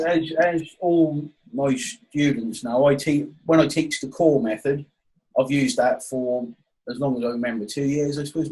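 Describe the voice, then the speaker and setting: Male, Norfolk East Anglian accent, mid-pitched, webinar coach, informal and matey. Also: a little mellow, low-quality recording. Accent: Norfolk, East Anglian English. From Norfolk, England. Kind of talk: informal online coaching session with questions. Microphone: online webinar call.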